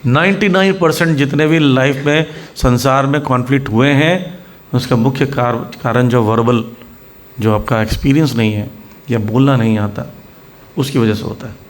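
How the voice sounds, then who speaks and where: A man's voice: medium pitch, normal speed. Male spiritual teacher giving a devotional lecture. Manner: explains patiently, often checks in with the audience; acts out scolding and gentle voices in his examples.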